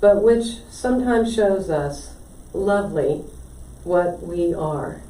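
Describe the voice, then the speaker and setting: Reading a poem at a live poetry event in a library, a woman speaks slowly yet animatedly in a lowish, dark-toned voice. A distant mic captures the echoey room along with some faint noise.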